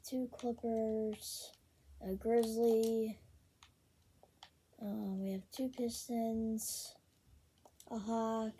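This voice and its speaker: A woman casually talking through a video game, with many ums and excited bursts over card pulls. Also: a little high, a little hiss or hum. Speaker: gaming channel host. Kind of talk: casual gameplay commentary.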